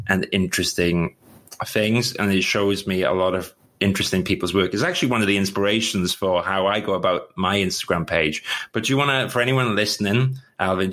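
A man's voice: low voice, fairly bright tone. A man hosting a podcast in a casual interview style, chatty, rambling and self-deprecating. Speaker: podcast host.

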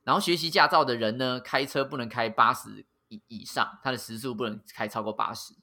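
A man's voice: medium pitch, a little fast, sharp tone. A man with a Taiwanese accent chatting casually as a host, with a teasing, sarcastic manner and crude slang. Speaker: podcast host. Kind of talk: casual chat.

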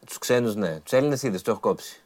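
A man's voice: fairly low pitch, expressive, a little mellow. A young man co-hosting a casual studio chat, chatty and teasing, laughing easily as he presents upcoming events. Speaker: co-host presenting event picks.

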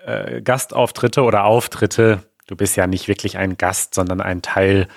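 A man co-hosting a live podcast, speaking in an easygoing, relaxed way. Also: on the low side, a little slow, vocal fry, dry recording, clean studio sound. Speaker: podcast co-host. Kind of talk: casual live podcast chat.

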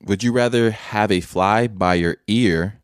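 A man co-hosting a casual podcast, laid-back and quick to laugh. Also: fairly low pitch, smooth, no room sound, studio quality. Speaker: podcast co-host.

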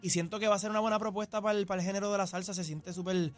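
A man's voice: high-pitched, fairly even intonation, fast, soft background music. A young man, a salsa singer guesting on a radio show, joking and playful in casual chat.

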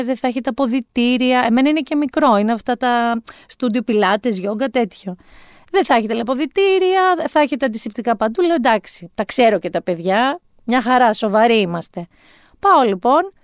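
A woman's voice: a little high, clear, resonant tone, dry recording. A woman in her forties telling a comic story in a wry, self-mocking way, close to the mic. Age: 40s. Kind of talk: comic monologue.

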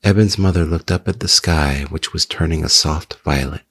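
Very deep, gravelly horror narrator man. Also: a bit bright. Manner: measured, ominous storytelling. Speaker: horror story podcast host and narrator. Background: music.

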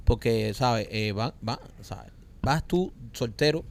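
A man's voice: medium pitch, vocal fry, a little hiss or hum. A man co-hosting a podcast, asking teasing questions and joking with his friends. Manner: interviewing and joking, slow and teasing. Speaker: podcast co-host. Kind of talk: casual banter.

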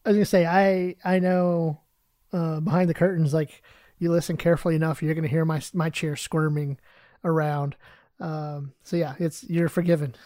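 A man's voice: on the high side, little pitch movement, moderate pace, warm tone, no room sound. A man co-hosting a podcast in a casual, conversational chat style. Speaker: podcast co-host.

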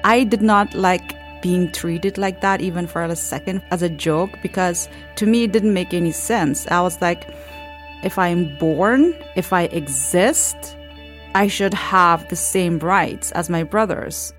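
A woman's voice: fairly low pitch, unhurried, faint music behind. A woman, telling her story in a documentary interview in an earnest, reflective way. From Afghanistan. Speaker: interviewee, former Olympic judoka.

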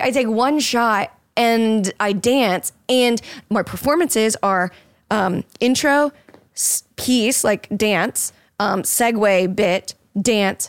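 This is casual podcast chatter from a young woman, a dancer who hosts the show, who rambles along with heavy use of "like" and frequent laughs. The recording is studio quality with no room sound, and her voice sits at a medium pitch.

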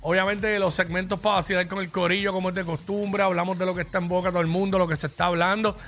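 A man with a Puerto Rican accent co-hosting a radio show, chatting and reading news in a lively, joking way. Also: sits high, fast, creaky. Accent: Puerto Rican Spanish. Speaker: radio co-host. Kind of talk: casual radio chat and news.

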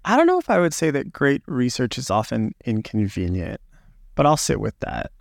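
A man's voice: medium pitch, huge pitch swings, normal speed, vocal fry, no echo, clean studio sound. A man who is a podcast guest, talking over research practice in a reflective, loose way with many fillers and restarts. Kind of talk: casual podcast conversation.

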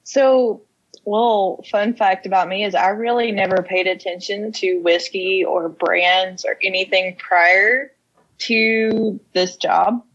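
A young adult woman from Casey County, Kentucky, United States, speaks with an American Kentucky accent in a mid-pitched, slightly bright voice, slow and steady. As an interview guest who works in the whiskey industry, she tells her own story in a plain-spoken, unpretentious, conversational way. The lo-fi recording is a little muffled.

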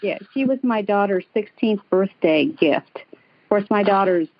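A woman's voice: medium pitch, animated, measured pace, no room sound. A middle-aged woman with a Southern American accent calls in to a radio show. She rambles through her story with plenty of ums and restarts. Her voice comes over a dull, lo-fi call-in line with a dry sound and no room around it. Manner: chatty, rambling, many ums. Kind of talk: casual chat.

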